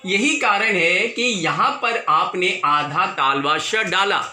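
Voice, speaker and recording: A man teaching children, explaining patiently and repeating words slowly so they can pronounce them along. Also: high voice, sharp tone, roomy sound. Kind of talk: slow classroom explanation to children.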